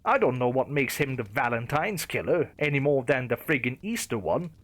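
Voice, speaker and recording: A man's voice: medium pitch, very animated, moderate pace, fairly bright tone, dry recording. A man voicing a blunt, teasing young woman on a diner date in a creepypasta narration.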